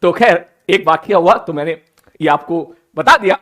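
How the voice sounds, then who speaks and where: A man, telling a funny personal story in a playful, animated, teasing way, like a teacher chatting with his class. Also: sits high, moderate pace. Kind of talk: casual storytelling.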